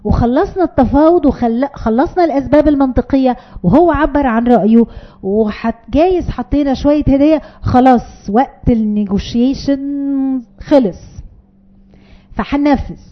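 A woman's voice: sits high, normal speed, highs cut off. A woman with an Egyptian accent giving a parenting talk to an audience, emphatic, repeating key phrases and acting out short parent and child exchanges. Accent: Egyptian Arabic. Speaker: parenting educator.

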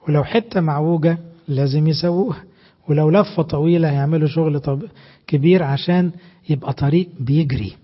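Husky Egyptian preacher, lo-fi sound. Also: male voice, on the high side. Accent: Egyptian Arabic. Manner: animated, emphatic preaching with rhetorical questions. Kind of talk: sermon.

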